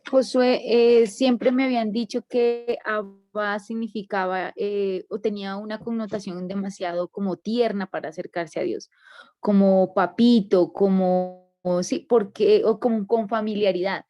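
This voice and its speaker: A woman's voice: medium pitch, steady tone, measured pace, mellow. A woman with an Ecuadorian Spanish accent asking a question in a Bible class over a video call, hesitating as she searches for her words. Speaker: class participant. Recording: dull, dry video-call audio.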